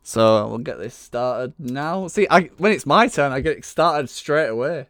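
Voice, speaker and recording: A man's voice: medium pitch, animated, measured pace, fairly bright tone, dry recording. A man hosting a comedy podcast, telling an improvised story in a profane, rambling way and laughing often.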